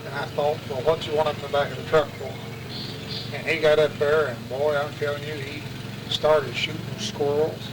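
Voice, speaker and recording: A man's voice: on the high side, level tone, normal speed. An older man with an Appalachian West Virginia accent, telling family stories in a rambling, colloquial, folksy way. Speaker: interviewee sharing family memories. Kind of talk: casual oral-history storytelling. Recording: distant mic, clear outdoor traffic noise.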